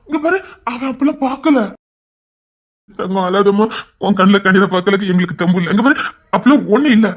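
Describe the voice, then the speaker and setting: A performer voicing a devoted young husband who swears loyalty to his crying wife and scolds others loudly, in a Tamil romance audio drama. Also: medium pitch, expressive, quick pace. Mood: pleading, scolding.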